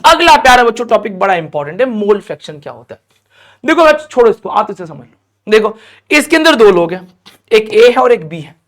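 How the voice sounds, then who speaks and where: A male teacher giving a lively classroom lecture, coaxing students with frequent questions and stretching out key terms slowly. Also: high-pitched.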